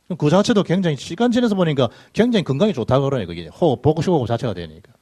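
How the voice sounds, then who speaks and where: A middle-aged pastor preaches in a church, sliding between loud bursts and low asides as his pitch rises and falls. His voice has a husky edge, and his storytelling is lively and full of dialect. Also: rapid-fire. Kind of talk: sermon with personal anecdotes. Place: church sanctuary.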